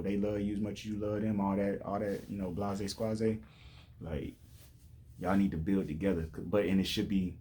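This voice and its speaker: Deep and mellow, the voice belongs to a man in his late twenties giving casual motivational advice. His monologue wanders, with frequent restarts and repeated "you know what I'm saying."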